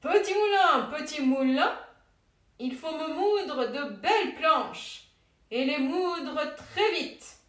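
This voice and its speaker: A kind, generous woodcutter calls out his wishes loud and slow in a storybook tale, as a woman reader plays him. The voice stays high and rings from off the mic in an echoey room. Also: lively intonation, distant mic. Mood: commanding.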